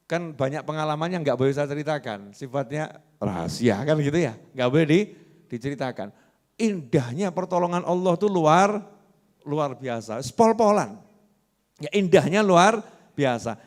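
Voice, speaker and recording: A man with a Javanese accent delivers a sermon in a mosque. His voice sits a little high and swings widely in pitch. He keeps tossing questions to the congregation and waits for their answers. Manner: lively, asks the congregation questions. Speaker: preacher.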